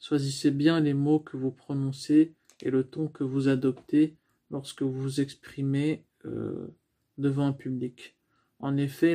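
A man's voice: mid-range voice, warm tone. A man teaching about using the voice in communication, explaining step by step with frequent restarts and fillers. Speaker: speaking coach. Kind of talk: instructional talk on voice.

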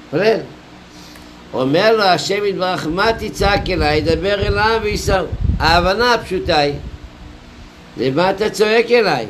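A man, a rabbi, giving a Torah lecture, explaining with stories and rhetorical questions in deliberate, drawn-out phrases. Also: high voice, animated, fairly bright tone, slight background noise, poor audio.

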